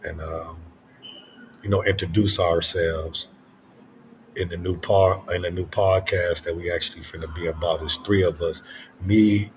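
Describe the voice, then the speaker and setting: An older man hosting a casual late-night monologue in a reflective, halting way, repeating phrases for emphasis. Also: low-pitched, steady tone, slight background noise. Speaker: host of a late night talk stream.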